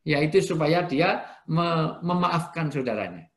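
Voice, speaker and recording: A man preaching a sermon in an animated way, moving between loud and soft delivery. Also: on the high side, unhurried, slight background noise. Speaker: Islamic preacher. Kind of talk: sermon for an online gathering. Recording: roomy echo.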